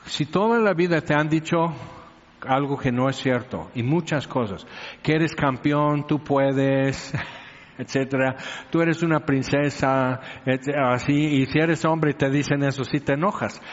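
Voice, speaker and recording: A man's voice: medium pitch, a little slow. A man preaching a sermon, conversational and teasing, often asking his listeners questions. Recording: reverberant hall, dull lo-fi sound.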